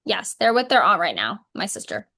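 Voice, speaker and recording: A worried, fed-up wife in couples counselling, acted by a woman in a role-play. She has a middle-pitched voice and speaks plainly and firmly. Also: sing-song, a little fast, creaky, bright, forceful tone, exaggerated voice. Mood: guarded.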